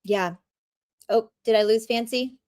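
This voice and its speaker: A woman's voice: fairly high pitch, unhurried, darkish tone. A woman hosting a video-call interview, giving brief affirmations and asking pointed questions. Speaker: host.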